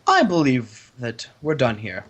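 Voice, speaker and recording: A man voicing a suave, mysterious young man in an amateur voice drama, speaking slow, low and languid. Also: huge pitch swings, muffled recording, heavily acted. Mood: cold. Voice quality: smooth, melodious.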